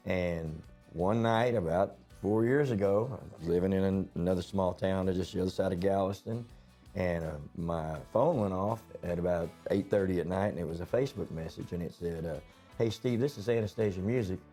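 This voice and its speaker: Deep-voiced folksy man. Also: normal speed, warm tone, faint music behind. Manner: folksy, rambling anecdotes with quoted dialogue. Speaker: store owner. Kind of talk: casual interview storytelling.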